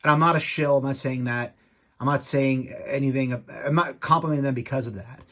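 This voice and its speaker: A man in an annoyed, rambling rant to camera, speaking off the cuff, halting and repeating himself as he vents. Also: mid-range voice, fairly even intonation, fairly bright tone. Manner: annoyed, ticked-off venting. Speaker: YouTube toy collector and podcast co-host.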